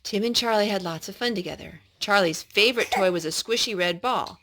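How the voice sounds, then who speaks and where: A woman at medium pitch reads a children's storybook aloud, lively and geared toward a child, with pauses to explain and ask questions. A faint hiss or hum runs under the audio.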